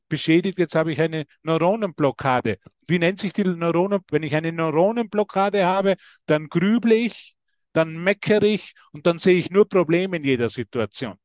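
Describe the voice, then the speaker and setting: A man giving a lively spiritual talk to a group, preaching and calling listeners by name. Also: a little high, no echo, clean studio sound. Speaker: spiritual teacher.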